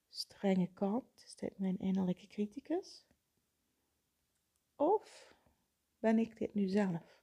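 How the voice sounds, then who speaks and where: A woman therapist explaining in a calm way, slowing down to stress her points. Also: mid-range voice, slightly rough. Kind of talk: explanatory talk on self-help.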